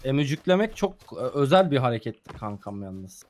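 A man's voice: medium pitch, sing-song, brisk. A young man playing a game with a friend, teasing him and cracking mock-serious jokes. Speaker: guest gamer. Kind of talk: casual gameplay chat with a friend.

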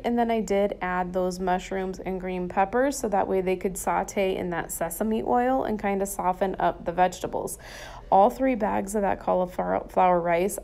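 A woman's voice: medium pitch, vocal fry, darkish tone. A woman narrating her home cooking in a chatty, enthusiastic, folksy way over a recorded voice-over. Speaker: cooking vlogger. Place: home kitchen.

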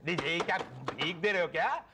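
An actor playing a greedy, smug corrupt office clerk in a TV sitcom, with a mocking way of talking. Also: male voice, high voice, animated, fairly quick, noisy background. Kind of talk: TV sitcom acting.

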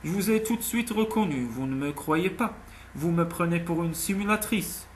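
A man's voice: sits high, moderate pace, slight background noise, close to an everyday voice. A man voicing a proud, anxious young single mother in an audiobook, speaking earnestly. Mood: sharp. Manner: earnest, tense, pleading. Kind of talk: audiobook character voice.

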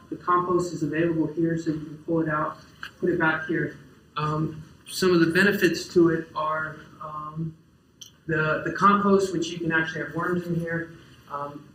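A man's voice: on the high side, pushed and bright. A young man giving a casual farming presentation in a lecture hall, often saying "uh" and "um" and restarting his sentences. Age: young adult. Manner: casual, many fillers and restarts. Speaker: farmer giving a talk. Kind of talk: conference presentation. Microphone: distant camera in the audience. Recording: roomy lecture hall echo.

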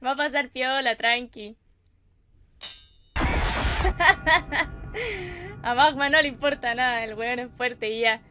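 A young woman with a Chilean accent reacting to an anime episode in casual, excitable commentary, gasping and squealing and chatting to her viewers. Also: high voice, slow, long pauses. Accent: Chilean Spanish. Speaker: anime reaction channel host. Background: anime episode audio and music.

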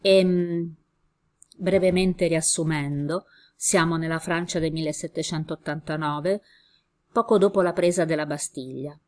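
Low-voiced woman reading a story aloud. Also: steady tone. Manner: measured, with small slips and self-corrections. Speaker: reader.

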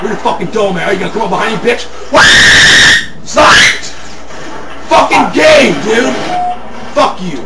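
A young man yelling profane, explosive trash talk as he plays a video game. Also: high-pitched, expressive, normal speed, pauses often. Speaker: video gamer. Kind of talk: angry trash talk while gaming. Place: dim living room at home. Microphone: handheld camera a few feet away. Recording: noisy, roomy home video from a distance.

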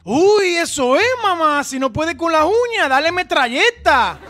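A woman telling short jokes in a high, squeaky, playful put-on voice. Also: lively intonation, measured pace, fairly bright tone.

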